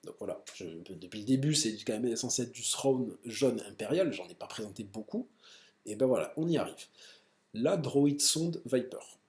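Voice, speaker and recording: A man casually explaining card game decks with enthusiasm, full of fillers and quick self-corrections. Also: mid-range voice, lively intonation, a little mellow, echoey room. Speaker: card game deck presenter.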